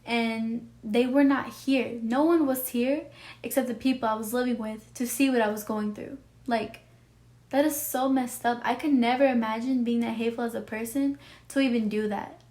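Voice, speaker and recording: Young woman, 19, confessional vlog. Fairly high, flat delivery, emotional and rambling. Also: normal speed. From Texas. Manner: emotional, rambling, heavy use of "like". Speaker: vlogger. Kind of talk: personal storytime vlog.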